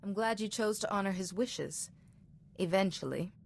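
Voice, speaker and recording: An actress playing a calm, compassionate female sage in a video game, speaking with gentle composure. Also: medium pitch, moderate pace, vocal fry, a little hiss or hum, lightly acted.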